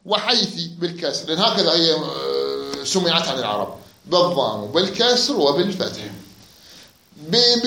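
A man's voice: high-pitched, bright, forceful tone. A man teaching grammar, quizzing his students and repeating their answers. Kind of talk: classroom lecture. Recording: echoey room.

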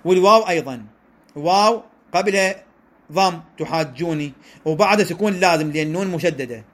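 A man's voice: fairly high pitch, lively intonation, fairly bright tone. A man with an Iraqi accent teaching a lesson on the rules of Quran recitation, explaining step by step and often checking in with his listeners. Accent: Iraqi Arabic. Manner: explanatory, checks in with listeners, draws out examples slowly. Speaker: religious teacher.

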